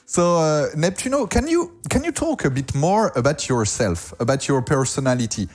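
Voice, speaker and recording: A man, a French-speaking host, interviewing a guest in English in a relaxed, lightly teasing way. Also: fairly high pitch, moderate pace, soft background music. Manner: lightly teasing, laughs often. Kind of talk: casual interview.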